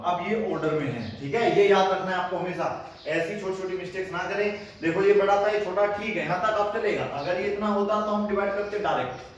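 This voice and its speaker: A patient maths teacher with a high voice explains each step of a lesson and keeps checking that his students follow. He is recorded from a distance in a very echoey room with faint ambient sound. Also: highs cut off, slight background noise. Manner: patient, calls students "beta", checks understanding often.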